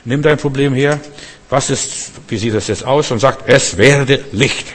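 A man preaching a sermon, swinging between loud proclamations and quiet, conversational asides. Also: mid-range voice, normal speed. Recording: long hall reverb.

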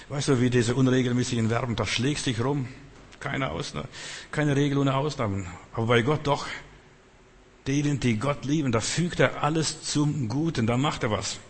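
This off-the-cuff sermon comes from a non-native speaker, not a German native, with a medium-pitched voice. The sound is that of a big room with a little hiss or hum, as he addresses listeners directly and hammers phrases through repetition.

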